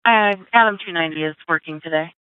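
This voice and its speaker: A woman dispatcher rattles off clipped codes at a quick clip over a police radio channel. Her voice is smooth and crisp, a little low for a woman, and squeezed into a thin, phone-like band. The sound is dry and close. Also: no room sound. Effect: police radio transmission.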